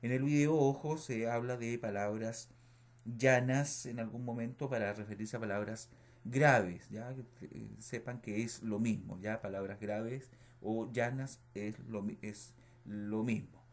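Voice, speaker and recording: Slow, patient male teacher checking in often. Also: medium pitch, steady tone. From Chile. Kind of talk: recorded remote lesson feedback.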